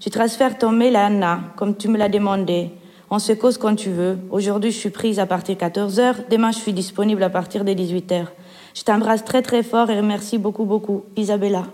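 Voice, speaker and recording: A woman reading letters aloud in a measured, literary way, as part of a poetry performance. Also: mid-range voice, steady tone, warm tone. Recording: long hall reverb.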